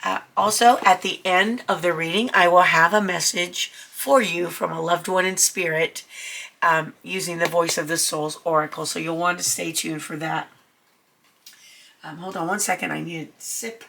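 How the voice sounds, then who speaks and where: A woman with a fairly low, steady voice, speaking at normal speed with vocal fry and a bright, forceful tone, gives a casual tarot reading to camera. Still getting over a cold, she stays chatty and reassuring toward her viewers, with many ums.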